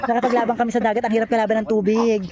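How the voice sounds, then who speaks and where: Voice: medium pitch, level tone, very fast, crowd noise. A vlogger with a Filipino accent, chatting through a casual travel vlog, playful and exclaiming, often out of breath.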